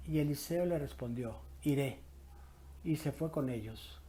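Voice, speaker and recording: A parish priest with a Mexican Spanish accent greets the faithful, leads prayer and reads scripture. His mid-range, warm voice moves slowly, measured and solemn.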